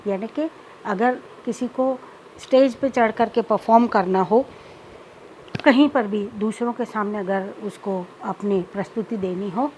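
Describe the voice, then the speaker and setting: A woman lecturer explaining childhood speech disorders in a measured teaching manner, slipping English terms into her explanations. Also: medium pitch, a little mellow, a little hiss or hum, low-quality recording. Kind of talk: recorded lecture.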